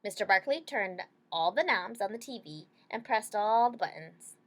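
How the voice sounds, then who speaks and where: A woman with a medium-pitched voice and lively intonation reads a children's story aloud at a moderate pace. She pauses to explain things simply and checks in with listeners using short tag questions.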